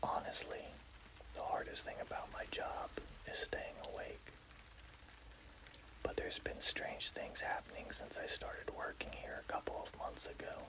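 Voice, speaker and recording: A person telling a scary story in a hushed, slow, deliberate ASMR whisper. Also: poor audio.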